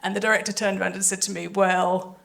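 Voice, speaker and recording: This woman is a panelist and audio drama composer at a live festival, thoughtfully and hesitantly explaining creative work into a handheld mic passed between the panel. Her medium-pitched voice is creaky and fairly bright, with little pitch movement and a fast pace.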